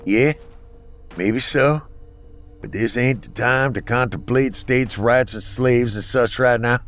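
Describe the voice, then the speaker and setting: A man voicing a stern, stubborn male Union army captain with a gruff, measured delivery. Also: medium pitch, fairly bright tone, soft background music, pitched above the performer's own voice. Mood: weary.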